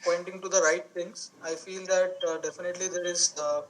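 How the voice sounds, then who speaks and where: Halting man on a call. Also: high voice, little pitch movement, slight background noise, rough recording. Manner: halting, many uh fillers. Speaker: panel guest. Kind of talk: casual group conversation. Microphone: video call.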